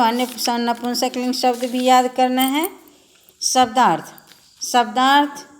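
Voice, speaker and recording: A woman teacher giving a lesson to children, reciting word forms in a sing-song drill and speaking to them patiently. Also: on the high side. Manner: addresses children directly, patient and instructive.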